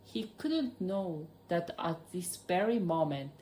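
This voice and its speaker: Slow-reading woman with a Japanese accent. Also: on the low side, lively intonation, dark tone, slight background noise, poor audio. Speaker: audiobook narrator. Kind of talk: storybook reading.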